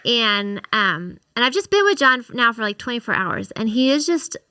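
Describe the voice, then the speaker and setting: A woman co-hosting a faith podcast, telling a story in an animated, chatty way on a close mic. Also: fairly high pitch, moderate pace, clean tone, dry recording. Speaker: podcast co-host.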